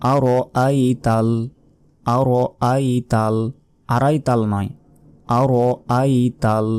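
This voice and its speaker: A man teaching recitation, explaining pronunciation mistakes and then chanting the verses slowly in a raised tone. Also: fairly low pitch, warm tone. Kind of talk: pronunciation lesson with slow drawn-out recitation.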